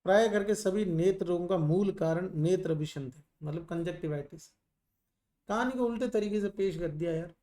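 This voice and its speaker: A man's voice: high voice, moderate pace, mellow. A middle-aged male teacher lecturing a class on ayurveda, teasing and scolding students while mixing in English terms.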